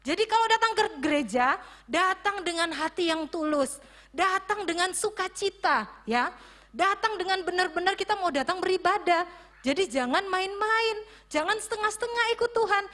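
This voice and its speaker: A woman teaching a children's church service, telling a Bible story in an animated way and asking the children questions. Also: very high voice, normal speed. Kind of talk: sermon for children.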